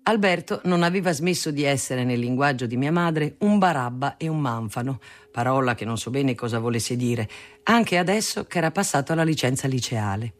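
A reader narrating a family memoir aloud in a measured storytelling manner. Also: mid-range voice, animated. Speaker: audiobook reader. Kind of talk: reading a memoir novel aloud.

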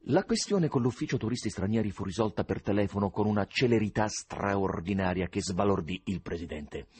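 A man reading an audiobook aloud, with an expressive, varied delivery. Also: fairly low pitch, a little fast, slightly rough, soft background music. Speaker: audiobook reader. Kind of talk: dramatic audiobook narration.

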